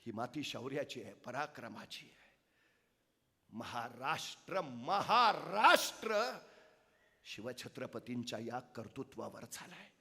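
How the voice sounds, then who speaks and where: A man's voice: mid-range voice, normal speed, a bit bright, in a large hall. A man giving an impassioned public speech full of dramatic storytelling. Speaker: public speaker. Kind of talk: oration.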